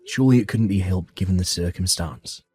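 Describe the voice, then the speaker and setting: A man calmly telling his own family story in the first person and voicing his part of the dialogue with reassuring warmth. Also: low voice, a little fast, slightly rough, soft background music. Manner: calm, reassuring, heartfelt.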